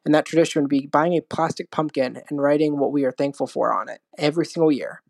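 A man's voice: a little high, creaky, a little mellow, no echo. A man sharing a family memory in a casual, enthusiastic way. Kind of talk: recorded personal story.

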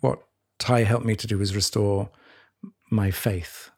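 A man co-hosting a podcast, talking reflectively in a halting, searching way with many restarts. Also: fairly low pitch, steady tone, a little mellow, breathy edge. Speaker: podcast co-host. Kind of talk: reflective conversation.

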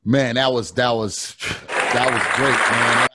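A man's voice: medium pitch, takes it slowly, over a noisy crowd, very noisy. A man hosting a podcast, talking in an encouraging way with frequent restarts and repeated words. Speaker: podcast host. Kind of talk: casual podcast talk.

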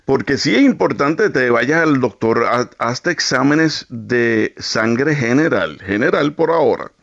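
A man, a doctor guest on a radio show, giving calm, reassuring medical advice. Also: mid-range voice, unhurried, gravelly, lo-fi sound.

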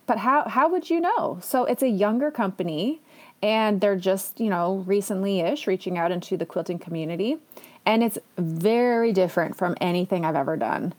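A woman runs her own podcast solo, speaking casually and eagerly, with frequent self-deprecating asides. Her voice sits at a middle pitch and has a darkish tone.

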